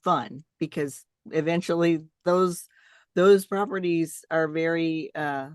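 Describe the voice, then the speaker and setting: A woman's voice: deep voice, slow, darkish tone, no echo, studio quality. An older woman hosting a casual, conversational interview. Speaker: interview host.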